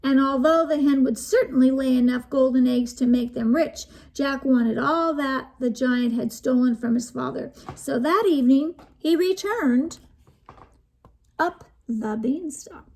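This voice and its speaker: High gravelly woman reading a story. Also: unhurried. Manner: lively, inviting the listeners to join in. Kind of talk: reading a storybook aloud to children.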